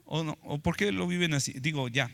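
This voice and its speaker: Male pastor, high bright voice, lively teasing sermon delivery. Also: fairly quick, gravelly. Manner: animated, acts out complaining voices, teasing. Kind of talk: live sermon.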